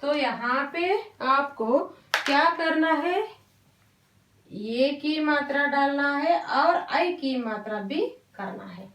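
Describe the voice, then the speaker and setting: A woman teaching a Hindi lesson to young children, talking slowly and patiently, drawing out syllables and mixing in English words. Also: high-pitched, lively intonation, a bit bright, recorded from a distance, a little hiss or hum. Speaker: primary school Hindi teacher. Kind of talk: online classroom lesson. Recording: roomy echo, voice off-mic.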